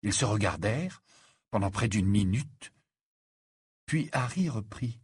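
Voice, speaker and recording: Husky-voiced male audiobook narrator. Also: lowish voice, animated, unhurried. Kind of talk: scripted narration.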